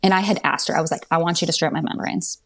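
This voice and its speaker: Woman chatting through her birth story, low voice, lots of likes and ums. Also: fairly even intonation, racing, a bit bright. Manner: chatty, many fillers and restarts. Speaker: podcast guest.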